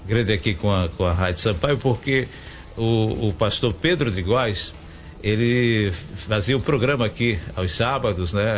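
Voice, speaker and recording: Chatty middle-aged radio host. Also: male voice, fairly low pitch. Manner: chatty, rambling, many restarts. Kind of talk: radio interview.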